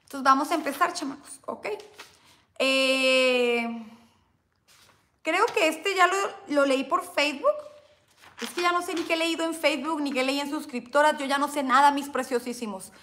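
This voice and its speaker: Her pitch sits high, her tone is sharp, and she talks at normal speed. This YouTuber with a Mexican accent reads from an old diary on a livestream, bantering with viewers and calling them "chamacos" and "bebé."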